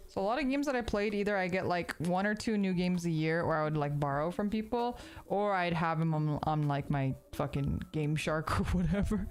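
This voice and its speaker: With soft background music, a woman in her thirties chats while she crafts on stream, her lowish voice at normal speed with few pauses. She sounds sniffly and stuffed up, and her talk is rambling, profane and full of fillers.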